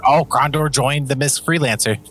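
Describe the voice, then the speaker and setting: A gamer jokes around and teases his friends over voice chat while they play together, tossing out mock threats. His voice is medium-pitched, a bit bright, and slightly rough, at a normal speed.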